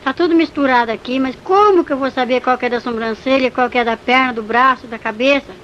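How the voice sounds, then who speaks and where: A woman's voice: high voice, fast talker, fairly bright tone, muffled recording, a little hiss or hum. A woman playing a desperate young woman in torment. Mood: anguished.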